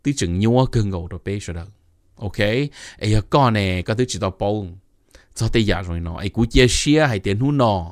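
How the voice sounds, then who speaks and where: A middle-aged man hosting a casual informational talk, animated and mixing in English terms. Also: lowish voice, brisk, no room sound, clean studio sound. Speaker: host giving advice.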